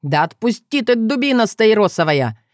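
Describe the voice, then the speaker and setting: A woman voicing a haughty, grumpy male frog shapeshifter with a creaky, squawking voice and an indignant, scornful manner. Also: fairly low pitch, big pitch swings, a little slow, no echo, clean studio sound.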